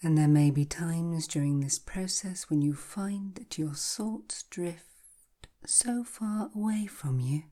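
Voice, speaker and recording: A woman guiding a hypnotic relaxation in a soft, breathy, half-whispered voice, slow and soothing like a calming countdown. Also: low-pitched. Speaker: hypnotherapy guide. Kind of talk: guided hypnosis relaxation, scripted narration.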